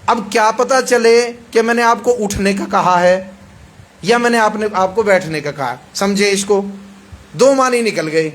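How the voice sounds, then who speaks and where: In a high voice, a male preacher with a Pakistani Urdu accent delivers a sermon on hadith. He speaks emphatically, repeats phrases, and checks that his listeners agree.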